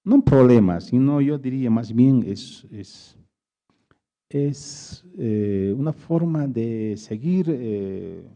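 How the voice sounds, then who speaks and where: Guy giving a talk, real dark gravelly voice, lots of pauses, dull lo-fi sound. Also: fairly low pitch. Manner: hesitant, searching for words with many pauses. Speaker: invited speaker at a public talk. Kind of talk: explanatory lecture with audience questions.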